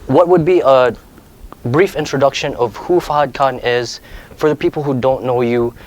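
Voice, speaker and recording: A man with a mid-range, darkish voice hosts an interview show, speaking at normal speed. He reads a scripted intro, then asks questions with a few hesitant fillers. The recording is rough, with music clearly audible behind him.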